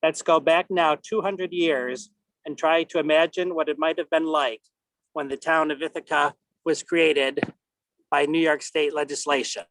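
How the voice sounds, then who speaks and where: Guy narrating an intro to a reenactment, voice a bit high, very dry recording. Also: fairly even intonation, moderate pace, a bit bright, no room sound, poor audio. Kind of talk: prepared explanatory narration.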